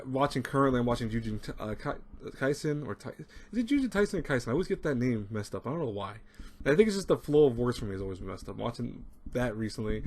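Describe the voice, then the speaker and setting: A man of thirty talking casually to his webcam from a small room at home, rambling and repeating himself with lots of fillers. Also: medium pitch. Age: 30s. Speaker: anime review channel host. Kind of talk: casual talk to camera. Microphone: webcam at desk. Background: people talking nearby.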